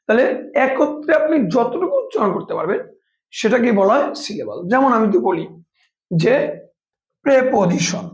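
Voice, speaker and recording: Woman teacher, lively rising and falling pitch, roomy echo, slow sounded-out words. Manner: slow, syllable-by-syllable demonstration of words; repeats and rephrases each point, asks questions and answers them. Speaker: English teacher. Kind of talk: classroom-style grammar lesson. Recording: roomy, echoey room sound.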